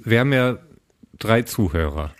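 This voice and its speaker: A man's voice: on the low side, lively intonation, moderate pace. A man co-hosting a casual podcast, joking and teasing and asking his partner questions. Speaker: podcast co-host.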